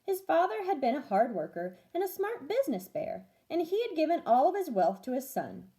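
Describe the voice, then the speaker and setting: A woman reading a children's story aloud in an expressive, deliberate way, like a teacher with pupils. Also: high-pitched.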